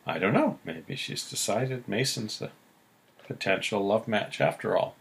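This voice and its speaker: Low-voiced man recapping casually. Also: vocal fry. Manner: relaxed, recounting plot with pauses. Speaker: podcast co-host.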